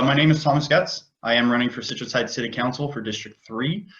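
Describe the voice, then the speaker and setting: A man's voice: medium pitch, fairly bright tone. Earnest man over dull video call audio. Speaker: city council candidate. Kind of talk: candidate statement.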